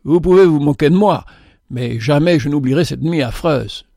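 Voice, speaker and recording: A man's voice: a little high, normal speed, vocal fry, mellow, no room sound, clean studio sound. A man voicing a terrified, cowardly male traveler who cries out in a trembling, pleading voice. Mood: ashamed.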